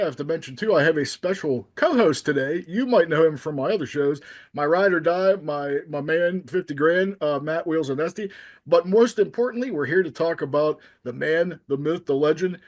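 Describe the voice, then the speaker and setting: A man from the United States hosting a casual interview show, upbeat and slangy, quick to laugh. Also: a little high. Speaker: podcast host.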